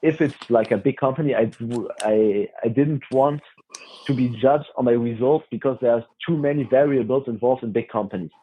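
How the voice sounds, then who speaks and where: A young man in his twenties from France speaks as a podcast guest, in a husky, mid-pitched voice. He talks hesitantly with frequent restarts, heard over a tinny, phone-like line. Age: 20s. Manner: hesitant, halting with many restarts. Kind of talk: casual interview chat.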